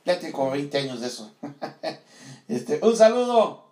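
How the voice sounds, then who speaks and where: A man's voice: on the high side, big pitch swings, a little slow, darkish tone. Man, morning show host, rambling with fillers, echoey room. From Tierra Caliente, Michoacán, Mexico. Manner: rambling, many fillers and laughs. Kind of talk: casual morning show chat.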